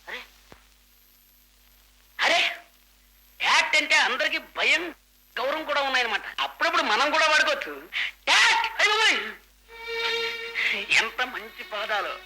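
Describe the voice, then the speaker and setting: A man's voice: very high voice, sing-song, normal speed, pauses often, bright, forceful tone, soft background music, exaggerated voice, rough recording. An actor playing a crafty young man who acts the simpleton, wheedling and comic, in a 1970s film. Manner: wheedling, mock-innocent, comic. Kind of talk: 1970s Telugu film acting.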